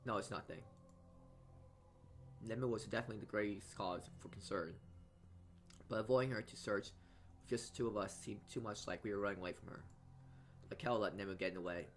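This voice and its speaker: A let's player with a lowish voice works through a visual novel's narration aloud, tossing in casual commentary but often tripping over and repeating words. Game music plays behind him, and there's a little hiss or hum on the audio.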